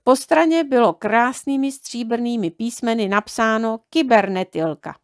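Calm woman reading a children's story. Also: a little high, dry recording, studio quality. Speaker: audiobook reader.

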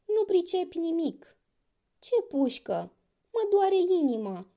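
A woman's voice: very high voice, sing-song, dark tone, pitched above the performer's own voice, full character voice. Woman playing a sly wailing crocodile. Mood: lamenting. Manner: wailing, theatrical lament. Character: sly weeping male crocodile, fake remorse.

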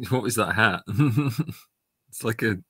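A man with a low voice and a bright, forceful edge co-hosts a live stream. He chats casually and jokes along. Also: takes it slowly, breathy edge, dry recording, studio quality. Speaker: co-host of a live gamebook stream. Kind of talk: casual joking chat.

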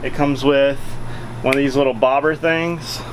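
A man's voice: mid-range voice, fairly even intonation, normal speed, slight background noise, rough recording. Chatty man on a patio. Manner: chatty, filler-heavy, folksy. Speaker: vlogger reviewing a product. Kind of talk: casual product review vlog. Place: covered backyard patio, outdoors. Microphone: handheld camera at arm's length.

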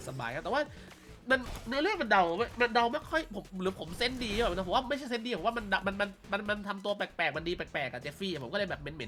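A high, bright-toned man from Thailand talks through a mobile game in a relaxed, chatty way. He keeps padding his sentences with polite fillers as he reads the story out. Faint game music runs underneath. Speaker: game YouTuber and commentator. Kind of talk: casual gameplay commentary and story reading.

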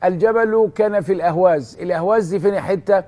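A man's voice: sits high, quick pace, mellow. A man with an Egyptian Arabic accent, a religious scholar telling stories on a TV studio talk show, asking rhetorical questions and answering them himself with fervour. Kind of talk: televised religious storytelling talk.

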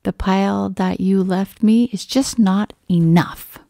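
Woman putting on a cranky greedy pug for a storybook read-aloud, whiny, loud and demanding. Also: medium pitch, fairly even intonation, slow pace, creaky, dry recording, studio quality.

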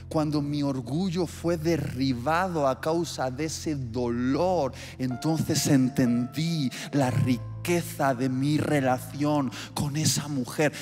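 Preacher in a reverberant hall. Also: male voice, a little high. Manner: vivid storytelling with acted-out scenes. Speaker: pastor. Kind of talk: sermon. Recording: long hall reverb with soft music.

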